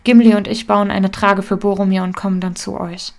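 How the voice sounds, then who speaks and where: A woman's voice: medium pitch, flat delivery, fairly quick, creaky, lightly acted. Woman voicing a firm male ranger leader. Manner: firm, decisive.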